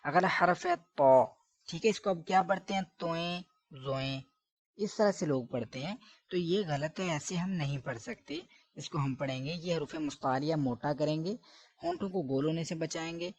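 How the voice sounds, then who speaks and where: A man's voice: on the high side, darkish tone, dry recording. A man teaching letter pronunciation, correcting common mistakes and stretching each sound long. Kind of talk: recitation lesson.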